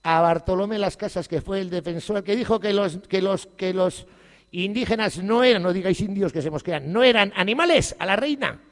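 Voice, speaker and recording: A man's voice: sits high, fairly quick. A man from the gives a humorous festival opening speech, irreverent and joking, swearing freely. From Basque Country. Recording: echoey hall reverb.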